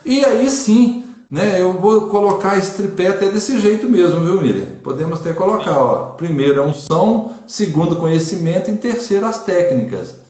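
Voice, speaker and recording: A man's voice: sits high, animated, moderate pace, hardly any pauses, mellow. Man with emphatic earnest delivery, echoey room. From Brazil. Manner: earnest, emphatic, repeats for stress. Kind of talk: casual online chat on preaching.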